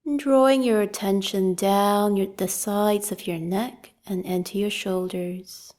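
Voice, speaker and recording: A woman teaching a guided meditation speaks in a soft, mid-range voice, giving calm, gentle, unhurried instructions with long pauses. Her voice turns slightly breathy at the ends of phrases.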